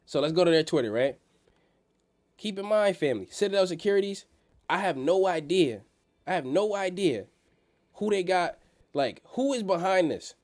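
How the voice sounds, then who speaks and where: A man's voice: high voice, animated, normal speed, pauses often, a little mellow. A man with a blocked-nose nasal sound hosting a casual livestream on the stock market, talking in slang and repeating phrases for emphasis. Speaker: livestream host.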